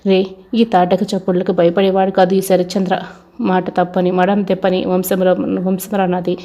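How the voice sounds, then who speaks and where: A woman voicing a proud, defiant older man who heads a family, read in an even tone. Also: fairly low pitch, moderate pace, lightly acted.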